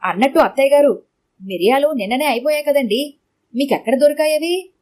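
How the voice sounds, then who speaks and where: A woman's voice: high-pitched, fairly quick, darkish tone, slight background noise, natural voice. A woman voicing a fussy, anxious middle-aged housewife in a storybook reading, speaking politely and in a flustered way.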